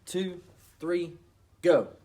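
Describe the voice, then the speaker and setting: A man's voice: high voice, drawn-out words, warm tone, recorded from a distance, voice pushed up. A fussy, proud little girl with a raised, whiny voice, as a man reading aloud puts her on. She insists on her own way and scares easily, in a read-aloud storybook voice.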